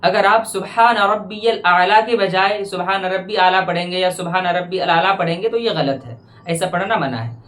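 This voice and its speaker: A male religious teacher gives a measured lesson on prayer, slowly repeating phrases to correct pronunciation. His voice sits high and sounds pushed and bright.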